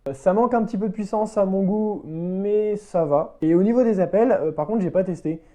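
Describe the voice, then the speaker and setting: This motorbike vlogger has a high, warm voice and offers an unscripted, casual product review. He falters as he talks, pausing and going back to rephrase.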